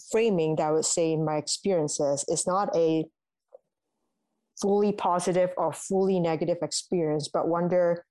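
A young woman from Malaysia, a university alumna answering interview questions in a measured, thoughtful way, with ums and restarts. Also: fairly low pitch, warm tone, dry recording, rough recording. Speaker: guest, alumna.

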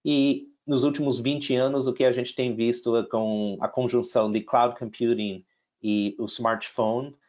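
Speaking Portuguese with an American accent tinged by Brazilian and European Portuguese, a middle-aged investor from the United States recounts his career in a relaxed interview. His medium-pitched, slightly mellow voice stays fairly even and moves a little slowly. He restarts frequently, leans on fillers and slips English words in.

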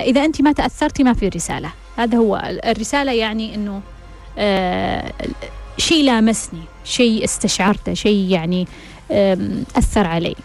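A woman's voice: a little high, a little mellow. A woman hosting an advice show, talking frankly to listeners and firing off rhetorical questions. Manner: blunt, full of rhetorical questions. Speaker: advice host answering listeners.

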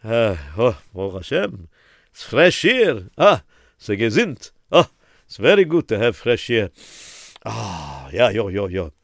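A man's voice: lowish voice, very animated, a little slow, vocal fry, dry recording, clean studio sound, heavily acted. A man doing a fretful, stammering pious man. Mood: relieved. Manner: stammering, exclaiming, panicky. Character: pious middle-aged man, excitable and fretful.

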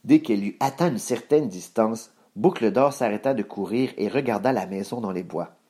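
A man reading a children's story aloud in a measured, expressive way. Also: lowish voice.

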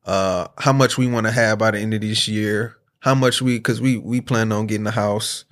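A young American man chatting casually in slang, haltingly repeating himself as he works through his thoughts. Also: fairly low pitch, steady tone, fairly bright tone. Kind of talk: casual chat.

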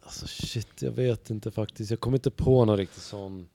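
A man's voice: fairly low pitch, gravelly. A man who is a stand-up comedian, chatting casually as a podcast guest and telling stories animatedly, with plenty of swearing and filler words. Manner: animated storyteller, acts out other people's lines.

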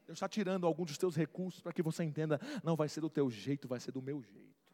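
A pastor preaching a fervent sermon, dropping to a hush and then rising to shouts. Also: male voice, a little high, fast. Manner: fervent, swings from hushed to shouting. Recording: long hall reverb.

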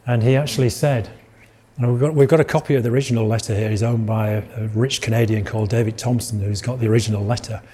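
A man's voice: mid-range voice, steady tone, fast talker, dark tone, husky. A middle-aged man with a Yorkshire accent giving an illustrated lecture, rambling with restarts and asides.

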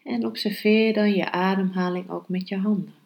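A woman hosting a yoga podcast, teaching calmly and guiding meditation in a measured, unhurried way. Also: medium pitch, vocal fry. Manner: slow, measured, unhurried delivery with pauses. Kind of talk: calm instructional podcast and guided meditation.

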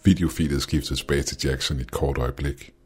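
Male horror narrator; extremely low, breathy, measured and ominous. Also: steady tone, a little mellow, faint music behind. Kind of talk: scripted horror story narration.

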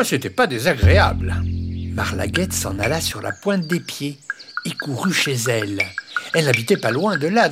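Lively, expressive children's storyteller. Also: medium pitch. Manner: lively, expressive reading with playful asides. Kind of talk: children's story read aloud. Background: background music.

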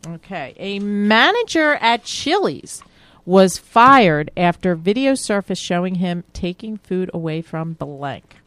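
A woman's voice: on the low side, big pitch swings, takes it slowly, fairly bright tone, no echo. A woman hosting a talk show in casual chat, reading out quiz items and laughing easily along with her guests.

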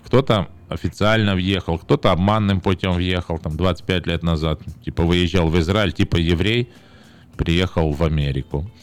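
Deep low-voiced guy on talk radio, sarcastic and teasing, bit of music under it. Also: moderate pace. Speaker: radio host.

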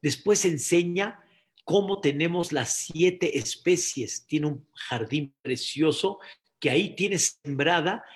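A man giving a sermon as a rabbi, repeating phrases, calling listeners dear brothers and sinking to a soft near-whisper for emphasis. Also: fairly high pitch, slow pace.

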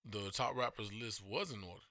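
A man co-hosting a podcast, talking in loose, profane, animated banter while he has the hiccups. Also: on the low side, a little fast, no room sound, studio quality. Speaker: podcast co-host. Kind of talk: casual chat.

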